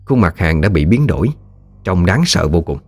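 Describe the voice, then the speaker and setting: Male storyteller, low voice, lively colloquial narration, dry audio over music. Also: moderate pace, dry recording. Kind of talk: scripted ghost-story narration.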